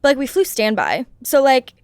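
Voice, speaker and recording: A woman's voice: high voice, huge pitch swings, normal speed, clear, resonant tone, no echo. A young woman chatting casually as a podcast guest, with lots of "like" and frequent laughs. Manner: chatty, fillers of "like", laughs often. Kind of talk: casual chat.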